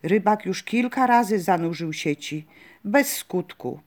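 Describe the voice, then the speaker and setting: A woman reading a folk legend aloud in a calm, measured way. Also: mid-range voice.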